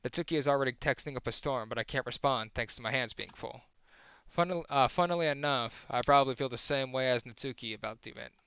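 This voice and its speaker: A man's voice: medium pitch, fast talker, fairly bright tone, smooth, no echo, muffled recording. A young man on a live stream reading a visual novel aloud, casual and self-correcting, who rereads lines to get the emphasis right.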